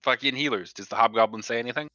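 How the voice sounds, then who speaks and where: A man's voice: medium pitch, very fast, bright, forceful tone, no room sound, muffled recording. A man playing a tabletop game over a call, eager and jokey. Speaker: player. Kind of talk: casual tabletop play.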